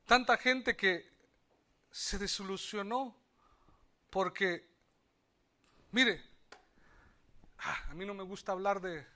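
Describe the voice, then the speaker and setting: A Mexican pastor preaching in a high, bright voice that rings clearly over the church. He takes his time, swinging from loud cries to low asides and asking the congregation to repeat his words. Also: slow, long pauses. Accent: Mexican Spanish. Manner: calls on the congregation to repeat after him. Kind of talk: sermon.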